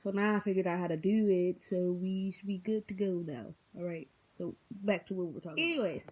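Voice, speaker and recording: A woman's voice: lowish voice, a little fast, breathy edge. Tired, rambling young woman vlogging. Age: 20s. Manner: rambling, unscripted, many filler ums; goofy. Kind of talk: casual vlog chat. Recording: dull lo-fi sound.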